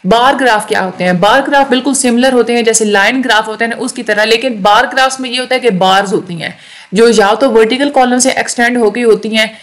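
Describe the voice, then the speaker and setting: A woman teaching a recorded lecture, explaining slowly, repeating words and checking in often. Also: on the high side. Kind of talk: recorded lecture on English grammar.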